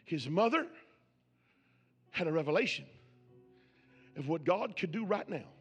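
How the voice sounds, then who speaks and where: A man's voice: fairly high pitch, animated, a little slow, breathy edge, faint music behind. A man preaching a sermon as pastor, building with repeated questions.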